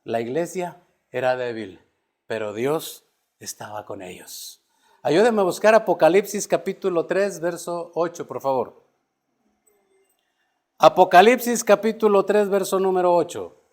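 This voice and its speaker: A man preaching a sermon, moving from quiet storytelling to loud emphatic peaks and calling listeners "brother". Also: sits high, animated, a little slow, long pauses. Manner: addresses listeners as "hermano". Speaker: pastor.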